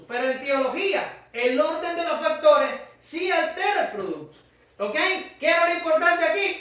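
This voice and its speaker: A Cuban pastor with a Cuban Spanish accent delivers an emphatic sermon, speaking directly to the congregation and often rising to a shout. His voice is very high for a man. He sounds far from the mic in a church hall with strong echo.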